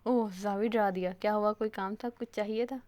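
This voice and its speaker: A bashful young woman answers hesitantly, shy and easily startled, as a woman reads her. The pitch sits in a middle register and moves little. It is a storybook heroine in a plain reading voice. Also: steady tone, moderate pace, darkish tone, dry recording, natural voice. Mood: shy, flustered.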